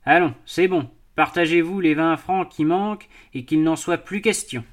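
A man's voice: a little high, normal speed, close to an everyday voice. A man voicing a scornful, mocking army officer in a storybook reading. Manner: mocking, dismissive.

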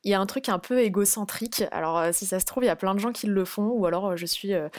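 A woman's voice: medium pitch, quick pace, dry recording, clean studio sound. A young adult woman, a freelance guest on a podcast interview, explaining things step by step with frequent hesitations.

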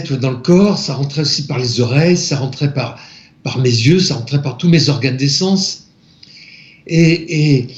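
A man from France, an interview guest, softly recounting a personal spiritual experience, halting and searching for his words. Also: on the high side. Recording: echoey, slightly dull room recording.

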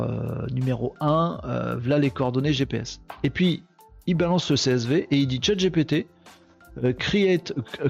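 A male host of a live tech show, talking in a chatty, excitable way and punctuating with quick exclamations. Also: mid-range voice, creaky, highs cut off. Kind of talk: casual live commentary.

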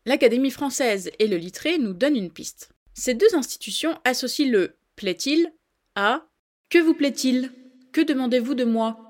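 A woman hosting a scripted podcast, explaining a phrase in a playful, chatty way and talking straight to the listeners. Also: medium pitch. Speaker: podcast host.

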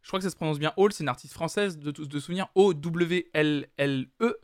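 A man's voice: a little high, a little fast, no echo, clean studio sound. A man hosting a live music stream, chatting casually with lots of hesitant fillers. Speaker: streaming music show host.

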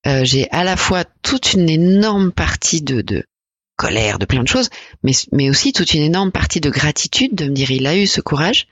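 A woman in her forties from France, a podcast guest talking reflectively and hesitantly about her life, with many pauses and fillers. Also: deep voice, very animated, no echo. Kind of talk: personal interview conversation.

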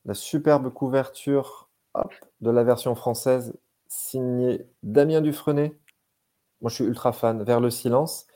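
A man's voice: mid-range voice, steady tone, a little slow, mellow. A man talking as a game designer and translator in casual chat, enthusiastic, often restarting and repeating words.

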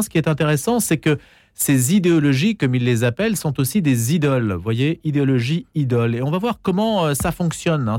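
A man hosting a radio interview, introducing his guest and firing off topics in a brisk, emphatic way. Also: medium pitch, darkish tone, dry recording. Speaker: radio show host.

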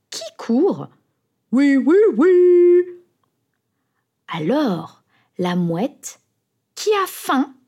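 A woman narrating a simple children's story in a clear, deliberate way, adding playful sound effects. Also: mid-range voice, darkish tone.

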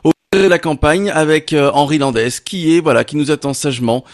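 A man hosting a radio interview in a studio, courteous and brisk as he introduces his weekly guest. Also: on the high side. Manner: smooth, courteous, brisk host patter. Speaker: radio host. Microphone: studio microphone.

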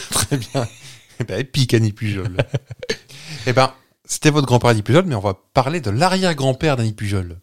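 A man co-hosting a podcast, chatting casually and slowly giving out clues with many hesitations. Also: mid-range voice, expressive. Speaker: podcast co-host. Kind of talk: casual banter, quiz-style teasing.

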